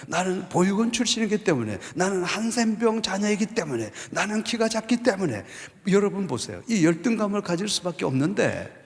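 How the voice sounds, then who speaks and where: A man in his fifties, a pastor, giving an animated storytelling sermon testimony in a church. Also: high-pitched, gravelly. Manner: animated storytelling, acts out quoted voices. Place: church sanctuary. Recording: long church hall reverb.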